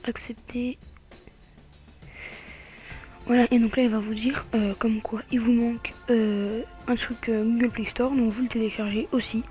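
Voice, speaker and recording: A woman with a French accent talks viewers through a tablet tutorial in a casual, hesitant way, often dropping to a half-whisper and filling pauses with "euh". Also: fairly high pitch, flat delivery, warm tone, soft background music. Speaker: tutorial maker. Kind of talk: casual screen tutorial voice-over.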